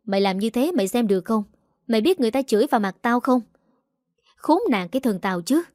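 A woman's voice: mid-range voice, expressive, brisk, a little mellow, dry recording, clean studio sound, natural voice. A woman voicing a harsh middle-aged aunt who scolds coarsely and shrilly. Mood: furious scolding.

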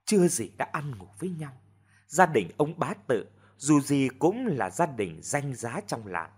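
A man voicing a worried older village mother who scolds softly and sighs, in a storybook reading. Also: medium pitch, big pitch swings, unhurried, breathy edge. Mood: weary scolding. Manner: soft, sighing, scolding.

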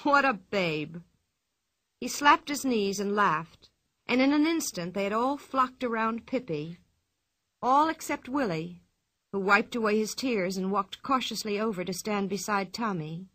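A woman reading a children's storybook aloud in a clear, expressive, measured way. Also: medium pitch. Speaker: narrator.

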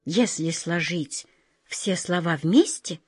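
A woman's voice: lowish voice, slow, slightly rough, no echo, clean studio sound, pitched below the performer's own voice. A woman voicing an anxious, bewildered young girl in a storybook reading. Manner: worried, perplexed.

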